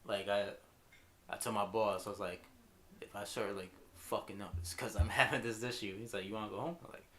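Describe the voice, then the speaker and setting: A man in casual podcast chat who talks haltingly and sometimes loses his train of thought. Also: fairly low pitch, steady tone, a bit bright, reverberant.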